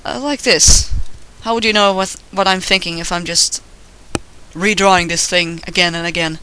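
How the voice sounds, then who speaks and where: A bright, high-voiced Swedish man rambles through a voice-over recorded while drawing, narrating his digital art casually, running himself down and swearing offhandedly. His intonation is fairly even at a moderate pace. The recording is rough, with slight background noise.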